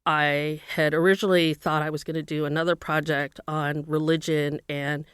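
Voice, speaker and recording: In this interview, a middle-aged professor from Burma, raised in California, carefully explains her background and work, sometimes pausing to think. Her voice is low-pitched, smooth and fairly bright, with a level tone. The studio sound is clean, with no room sound.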